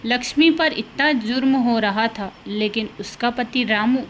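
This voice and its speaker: Woman narrator, scripted storybook narration, sympathetic, slightly high voice. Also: unhurried, a little hiss or hum, rough recording.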